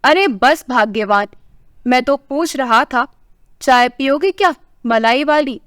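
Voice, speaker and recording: A fond, teasing old husband in his sixties coaxing his wife in a storybook tale, as a woman reader puts him on. The voice sits high and reads smooth and clear. The recording is close and dry. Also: lively intonation, takes it slowly, fairly bright tone, dry recording, exaggerated voice. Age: 60s.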